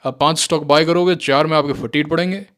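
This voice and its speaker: A man teaching stock trading in casual, animated commentary, sarcastic and mocking, with Indian-accented English mixed into his talk. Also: fairly high pitch, fast talker. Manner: sarcastic, mocks listeners in mimicking voices. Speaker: stock market trading educator.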